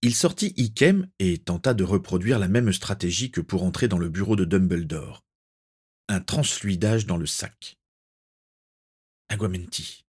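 Low-voiced man reading a story. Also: a little mellow, breathy edge. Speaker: narrator. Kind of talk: reading a fan-fiction story aloud.

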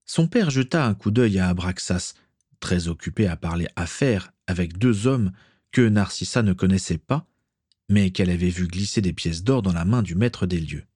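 Deep husky male storybook narrator. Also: animated, moderate pace, darkish tone, no room sound, studio quality. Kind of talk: storybook reading.

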